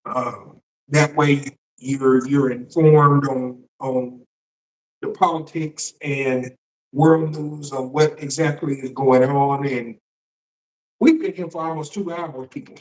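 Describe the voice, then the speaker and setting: Slow-talking man hosting from an echoey room. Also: medium pitch, fairly even intonation, darkish tone. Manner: halting, repeats words. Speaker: shock jock news livestream host. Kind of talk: live political commentary, casual address to viewers. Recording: roomy echo, distant microphone.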